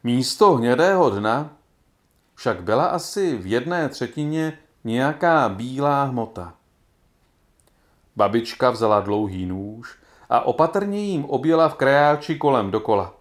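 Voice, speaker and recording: A man narrating a storybook in a calm, measured reading voice. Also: mid-range voice.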